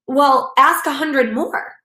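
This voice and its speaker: A woman's voice: high voice, takes it slowly, pushed and bright. Chatty motivational woman in an echoey room. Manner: chatty, filler-heavy, acts out quotes. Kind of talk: motivational talk.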